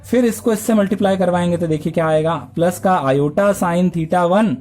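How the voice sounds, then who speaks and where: A man's voice: sits high, moderate pace, darkish tone. A male math teacher lecturing a class, explaining step by step and asking and answering his own questions.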